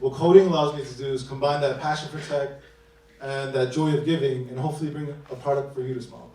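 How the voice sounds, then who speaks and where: A man's voice: medium pitch, fairly even intonation, fast talker, darkish tone. Man presenting in an echoey hall. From Queens, New York. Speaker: presenting developer. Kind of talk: scripted demo presentation. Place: large event hall. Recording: echoey hall mic from a distance.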